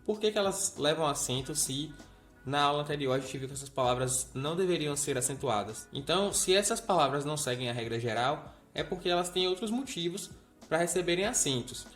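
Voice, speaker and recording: Man teaching, higher-pitched voice. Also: lively intonation, fairly quick, fairly bright tone, faint music behind. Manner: explanatory, checks in with the viewer. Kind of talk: grammar lesson.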